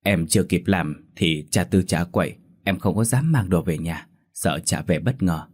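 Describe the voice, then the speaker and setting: A man's voice: low voice, moderate pace, breathy edge. A man voicing a frightened, tearful poor village mother, pleading meekly. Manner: pleading, whimpering.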